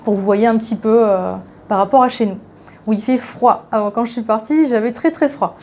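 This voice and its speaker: A woman's voice: a little high, a little fast, a little mellow, slight background noise. A young woman travel vlogger chatting casually while walking through a guest house, talking into a handheld camera with many fillers and restarts. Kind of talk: casual vlog chat, walking tour.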